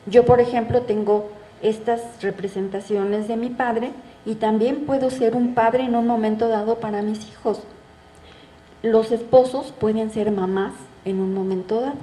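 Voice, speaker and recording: Woman, middle-aged, giving a chatty talk in a bookstore, warm mellow voice, roomy echo. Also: fairly high pitch, steady tone, unhurried. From Mexico. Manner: conversational, asks the audience rhetorical questions. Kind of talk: public lecture. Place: bookstore event space.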